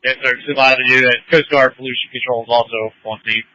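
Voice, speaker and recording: A man's voice: medium pitch, fairly even intonation, fast talker, pushed and bright, no room sound. A man reporting as a firefighter over a two-way radio. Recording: muffled fire department radio.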